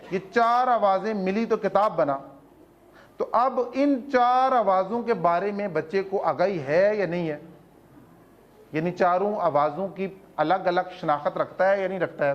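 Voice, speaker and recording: School principal, man, high voice, earnest explainer, rhetorical questions, mixes in English terms, muffled recording. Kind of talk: explanatory talk to parents.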